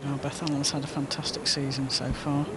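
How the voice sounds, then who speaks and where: A man's voice: medium pitch, flat delivery, a little fast. A man working as a golf commentator, offering casual commentary and banter in brief, informal remarks. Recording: very noisy outdoor broadcast, vehicle ambience.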